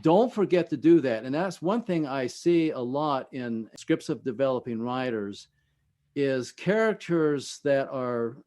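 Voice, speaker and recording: A man with a medium-pitched, darkish voice appears as an expert guest in an interview. He explains things in a halting, conversational manner, often trailing off as phrases end.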